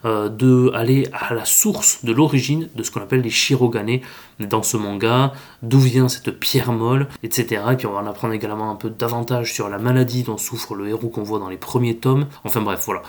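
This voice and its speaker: Male podcast host, casual review delivery, halting and chatty, mid-range voice. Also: medium pitch, steady tone. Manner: hesitant, lots of filler sounds, chatty.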